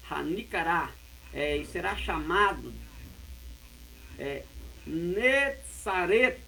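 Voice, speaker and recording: Man teacher, unhurried gravelly delivery, slightly high voice, mains hum behind. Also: fairly bright tone, low-quality recording. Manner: slow, careful, repeats and spells out words. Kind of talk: explaining Hebrew words of a Bible verse.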